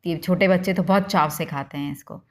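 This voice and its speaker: A woman's voice: lowish voice, fairly quick. A woman hosting a home cooking demonstration, explaining each step to viewers in a homely, instructive way. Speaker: cooking channel host.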